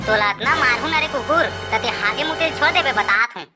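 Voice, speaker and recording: A woman voicing a sharp-tongued village mother in a cartoon, scolding her son with a Chhattisgarhi accent. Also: fairly high pitch, animated, brisk, over music, lightly acted. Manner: scolding, threatening.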